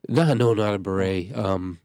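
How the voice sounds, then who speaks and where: A pastor hosts a radio chat, his nose congested and his low voice gravelly. He rambles, keeps cutting himself off and starting again, and the studio sound is dry and close. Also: a little slow, darkish tone, no room sound. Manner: rambling, self-interrupting.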